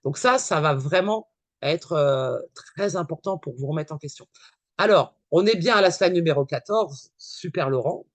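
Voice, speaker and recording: A man giving a casual conference talk with slides, talking fast and emphatically and repeating his points to the audience. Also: on the high side, expressive, dry recording. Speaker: conference speaker.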